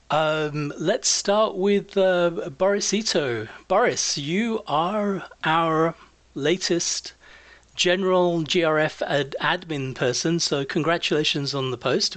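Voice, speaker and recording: Higher-voiced man hosting a chat, dry sound. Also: fairly bright tone, no room sound. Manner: chatty, encouraging. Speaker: podcast host. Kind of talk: casual interviewing.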